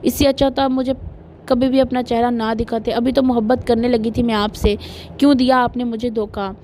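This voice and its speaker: A young woman's voice, hurt and stubborn, pleading through tears in an audiobook romance, as a woman narrator puts her on. The voice sits fairly high. She sounds emotional and wounded. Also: little pitch movement, a little mellow, slight background noise, lightly acted. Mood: sobbing, pleading. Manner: pleading, tearful outbursts.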